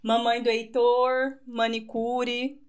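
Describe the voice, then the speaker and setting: A woman in her thirties with a Goiás Brazilian accent, a guest speaking in relaxed, matter-of-fact chat with light laughs. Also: on the high side, takes it slowly, clear, resonant tone. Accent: Goiás Brazilian Portuguese. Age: 30s. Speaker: guest, manicurist. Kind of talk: casual interview chat.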